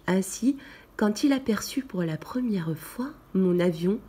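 A woman giving a slow, gentle first-person narration in a soft, partly whispered storybook reading. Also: mid-range voice, animated, husky. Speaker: storybook reader.

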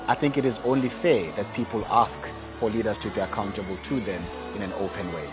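A man in his forties, an archbishop, talking in a measured, earnest way and building his points with repeated phrases, on a lapel mic in a large hall. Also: lowish voice. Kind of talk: reflective interview monologue. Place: large indoor hall with tall windows. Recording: interview with music underneath.

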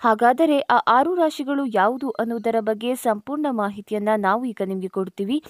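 A woman, reading a scripted astrology forecast and speaking directly to viewers in a steady read-aloud way. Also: on the high side, a little fast, dry recording, studio quality. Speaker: astrology channel narrator. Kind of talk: scripted narration.

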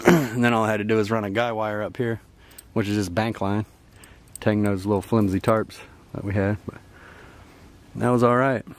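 A man's voice: fairly low pitch, steady tone, normal speed. A young man giving a rambling, easygoing tour of his riverside campsite, chuckling often, recorded on a handheld camera outdoors. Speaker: camping vlogger. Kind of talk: casual outdoor camp tour. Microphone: handheld camera mic. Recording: faint outdoor noise.

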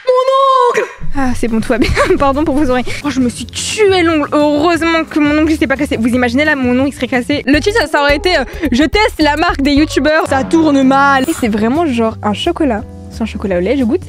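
A woman's voice: high-pitched, fast talker, hardly any pauses, over music. A young woman reviewing products in a casual vlog, chatting playfully with slang and exaggerated sound effects. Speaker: YouTuber.

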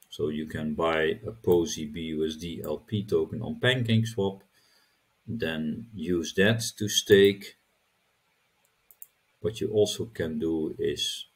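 Middle-aged man, tutorial host: deep and husky, unhurried, halting, repeats words as he clicks. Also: a little mellow. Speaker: crypto channel host. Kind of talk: screen-recorded tutorial walkthrough.

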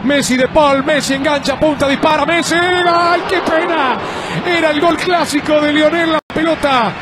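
A man delivering breakneck football goal commentary, loud and excited, with drawn-out exclamations. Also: extremely high pitch. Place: football match broadcast. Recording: loud stadium crowd and noise.

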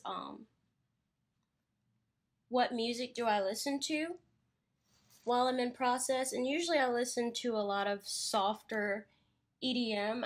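A young woman painter chatting casually during a live studio stream, rambling a little and laughing easily, recorded on her phone in her studio. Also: on the high side. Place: her art studio, indoors.

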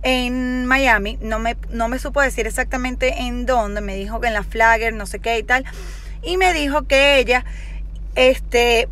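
A young woman vlogger, her voice slightly bright and on the high side, chats casually to her phone camera held at arm's length. Sitting in a parked car, she explains something hesitantly, with lots of filler words, in a selfie-video style.

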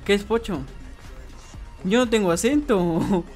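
A young man with a Mexican accent talks in a high-pitched, darkish-toned voice at a measured pace, with soft music playing behind. He's streaming a game and chatting casually, reading viewers' comments aloud and replying.

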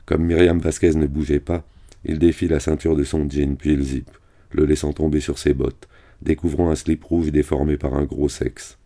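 Very deep-voiced man reading a novel. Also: little pitch movement, normal speed, mellow. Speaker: reader. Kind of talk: novel read aloud.

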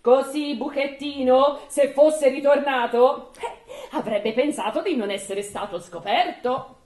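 A woman reading a folk tale aloud at a live evening event, expressive with laughing asides. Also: sits high, measured pace. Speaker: storyteller. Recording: echoey room.

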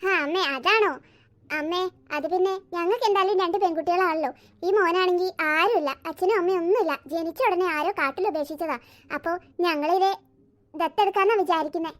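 A voice actor doing a flustered, gentle cartoon mother. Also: very high-pitched, a little fast. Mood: nervous. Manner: nervous and apologetic. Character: gentle, flustered young mother named Sulu. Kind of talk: cartoon story voice acting.

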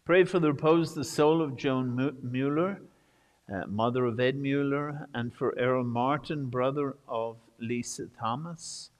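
Slow priest under cathedral echo. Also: male voice, mid-range voice. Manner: slow, measured intoning. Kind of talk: liturgical prayer at Mass. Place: large church. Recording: long church reverb.

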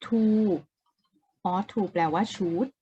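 A woman's voice: mid-range voice, very slow, warm tone, breathy edge. A woman teaching an English exam-prep lesson in a casual way, explaining step by step, repeating key words and asking the viewer questions.

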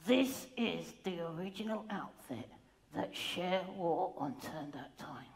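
A woman's voice: lowish voice, animated, slow, creaky, a little mellow, voice pushed down, full character voice. A woman ventriloquist voicing a cheeky, flirty, dramatic bear puppet in a comic stage act, speaking with lips barely moving. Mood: boastful. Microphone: headset. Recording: noisy live stage recording.

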